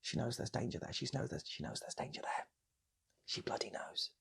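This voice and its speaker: Improvising a funny story, the British storyteller who hosts the channel sounds extremely husky and gravelly, with bright touches in his tone. He rambles, repeats himself for effect, and lets his pitch jump around, occasionally whispering or acting out small voices, all delivered animatedly and fairly fast.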